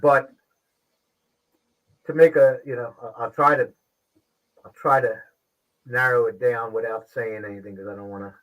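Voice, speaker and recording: A man hosting a casual livestream show, talking with frequent pauses and restarts. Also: mid-range voice, fairly even intonation, fairly bright tone, low-quality recording. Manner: halting, pauses and restarts often. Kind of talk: casual live-stream talk.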